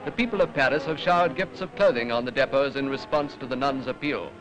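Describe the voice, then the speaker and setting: A man's voice: medium pitch, fast talker, low-quality recording. A British man narrating a 1940s newsreel in a formal, declamatory manner, on an old film soundtrack. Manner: formal, rhetorical, declamatory delivery.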